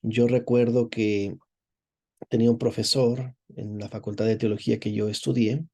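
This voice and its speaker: A priest teaching a course, reading a text aloud and commenting on it in a digressive, explanatory way, often checking in with "verdad?". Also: male voice, lowish voice, level tone, normal speed, creaky, dark tone. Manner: digressive, repeats words while searching for phrasing.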